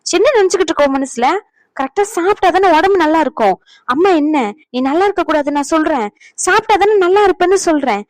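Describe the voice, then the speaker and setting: Cartoon mother, stern and nagging, fast high scolding, voiced by a woman. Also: expressive, no echo. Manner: scolding, nagging, rapid-fire. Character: strict scolding young mother, a doctor.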